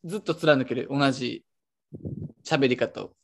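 A man's voice: mid-range voice, measured pace, creaky, a little hiss or hum. A young man chatting playfully and teasingly as a podcast co-host. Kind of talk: casual chat.

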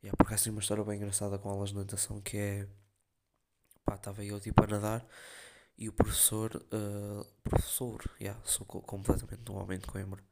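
A man's voice: fairly low pitch, monotone, a little fast, gravelly, very noisy. A young man with a European Portuguese accent, rambling in slangy casual chat as a podcast host. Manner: slangy, rambling storytelling with many fillers.

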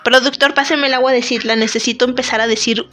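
A woman's voice: fairly high pitch, fairly even intonation, fast, bright, forceful tone, soft background music. A woman, host of a casual talk podcast, chatting to listeners in a joking, self-deprecating way while a bit sick. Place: temporary recording spot.

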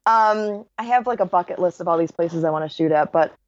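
A woman in her thirties, a wedding photographer talking as a podcast guest, bubbly and quick to laugh, with lots of "like". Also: lowish voice, no room sound, dull audio. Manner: bubbly, laughs often, says "like" a lot. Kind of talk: casual interview chat.

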